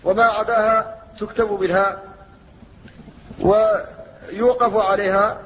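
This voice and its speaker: A man with a high, flat voice lectures in a measured teaching manner, slowing down to chant quoted verses. The recording is dull and lo-fi, with a long reverb trailing through a large hall. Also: slight background noise. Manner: measured explanatory teaching, slows to recite verses. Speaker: Islamic scholar teaching Quran recitation rules.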